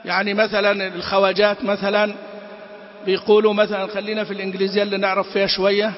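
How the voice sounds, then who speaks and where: A man teaching a tajweed lesson. He chants sample words, corrects them with quick asides and quizzes his listeners with short questions. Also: sits high, monotone. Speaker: Quran recitation teacher. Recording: roomy reverb, dull lo-fi sound.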